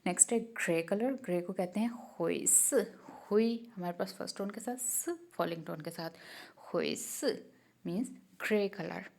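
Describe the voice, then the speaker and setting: Woman teaching an online class, slow careful drilling, says each word over and over. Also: lowish voice, creaky, a little mellow. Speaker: Chinese language teacher. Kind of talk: online language lesson.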